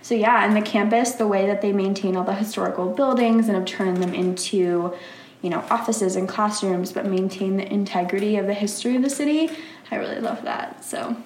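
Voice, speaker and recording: A woman's voice: medium pitch, a little fast, darkish tone. A young woman, a college student from the Philadelphia area, chatting casually as an interview guest, giggly and full of fillers. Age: young adult. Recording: roomy sound with faint noise.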